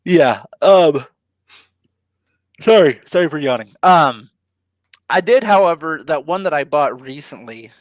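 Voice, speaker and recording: A man co-hosting a casual live stream, relaxed and laughing easily, with plenty of ums. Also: fairly high pitch, normal speed, no echo. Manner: laid-back, laughs often, many ums. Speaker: co-host of a live ocean talk stream.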